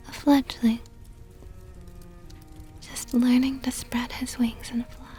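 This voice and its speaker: In an ASMR roleplay, a woman plays a seductive, possessive vampire countess, teasing in a soft whisper with mockingly sweet, coaxing words. Her voice is a little high, and she sounds amused and taunting.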